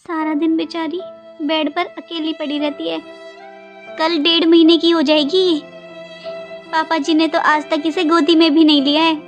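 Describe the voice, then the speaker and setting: A woman's voice: very high-pitched, flat delivery, normal speed, faint music behind. A woman voicing an overworked young daughter-in-law and new mother who pleads her case in a Hindi cartoon. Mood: pleading. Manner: pleading, complaining, earnest.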